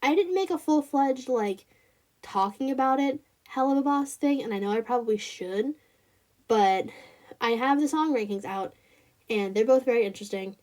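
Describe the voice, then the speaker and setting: A woman's voice: a little high, expressive, moderate pace, a little mellow. Rambling Southern US woman vlogger. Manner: rambling, lots of fillers and restarts; chatty, addresses viewers directly. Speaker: channel host. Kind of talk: casual review vlog.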